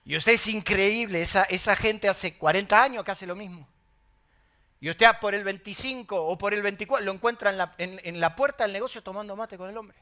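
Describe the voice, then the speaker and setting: A middle-aged Argentine man preaching a sermon as pastor, telling stories in an animated way with emphatic exclamations. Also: high-pitched, fairly quick. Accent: Argentine Spanish.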